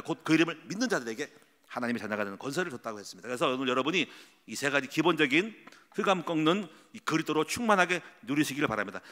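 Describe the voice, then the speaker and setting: Middle-aged male pastor, sermon delivery, animated storyteller, bright and fairly high voice, hall reverb. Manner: lively storytelling, acts out quoted voices. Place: church sanctuary.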